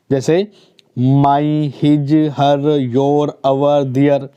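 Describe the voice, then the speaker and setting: A man's voice: a little high, dark tone. A man with a Hindi accent teaching a grammar lesson for exam students. He explains step by step and keeps checking "theek hai na?".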